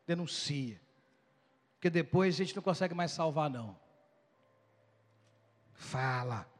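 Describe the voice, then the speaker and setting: A male pastor preaching a sermon with animated, dramatic storytelling. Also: a little high, fast talker, big-room sound.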